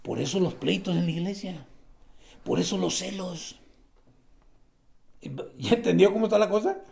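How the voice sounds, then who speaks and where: A man preaching a sermon, swinging between loud exclamations and hushed emphasis. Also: high-pitched, expressive, moderate pace, vocal fry.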